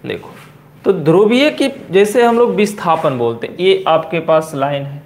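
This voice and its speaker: A man with a Bihari accent teaching physics in a coaching classroom, repeating key terms slowly and asking and answering his own questions. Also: a little high, animated. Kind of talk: classroom lecture at a board.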